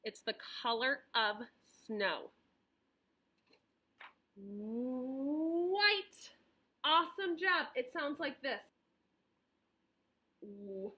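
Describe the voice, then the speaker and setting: Female preschool teacher, toddler-directed delivery: slow, high-pitched, encouraging, with pauses for children to answer. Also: pushed and bright. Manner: encouraging, simple phrases with pauses for replies. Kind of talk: lesson for young children, speaking as if reading to a toddler.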